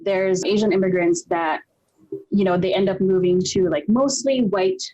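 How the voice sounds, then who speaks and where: A woman's voice: mid-range voice, moderate pace, warm tone, poor audio. A young woman from the Philippines, co-hosting a casual group chat, talkative and swearing freely. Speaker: podcast co-host.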